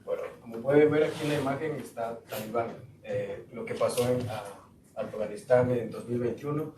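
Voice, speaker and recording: A man from Guatemala giving a student presentation to a school board, pausing often with fillers. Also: mid-range voice. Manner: halting, with frequent fillers. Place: school board meeting room. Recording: echoey room, far mic, noisy.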